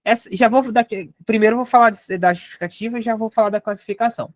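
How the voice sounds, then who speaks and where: A young Brazilian woman teaching a live online grammar lesson, explaining step by step and spelling out syllables slowly. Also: a little high, no echo. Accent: Brazilian Portuguese.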